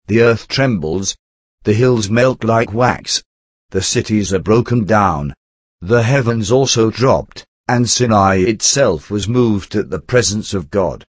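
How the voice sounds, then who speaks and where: A man giving a scripted devotional reading, delivering scripture in a measured, solemn way. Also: on the low side, no room sound. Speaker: narrator.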